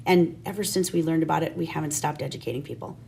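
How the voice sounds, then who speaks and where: Female testimonial guest, slightly low voice, emphatic storytelling, clear ambient noise behind her. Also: fast, warm tone. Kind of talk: personal testimonial in an interview.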